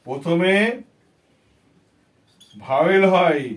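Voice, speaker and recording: A man whose slightly high voice stretches out his words teaches English grammar to children. His Bengali accent comes through as he patiently repeats himself and puts questions to his pupils.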